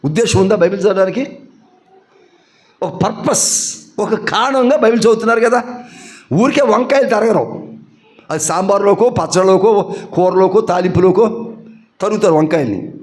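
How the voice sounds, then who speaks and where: A man preaching a sermon as pastor. He asks the congregation questions and answers them with homely examples, and rises to loud, emphatic peaks. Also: high voice, moderate pace, long pauses.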